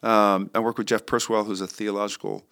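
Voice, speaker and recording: A man's voice: fairly low pitch, level tone, fairly quick, gravelly, fairly bright tone. Thoughtful man in casual chat. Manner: thoughtful, rambling with restarts and fillers. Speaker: worship pastor. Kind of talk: casual podcast conversation.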